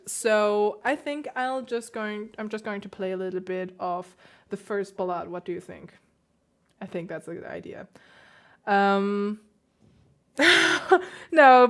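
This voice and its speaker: A woman's voice: a little high, a bit bright. A woman pianist hosting a casual livestream, chatting, laughing often and answering questions from chat.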